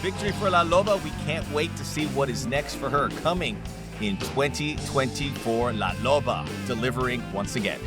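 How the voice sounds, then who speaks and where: A man of medium pitch and moderate pace hosts a sports show, commentating on MMA fights with punchy promotional phrasing over a music bed.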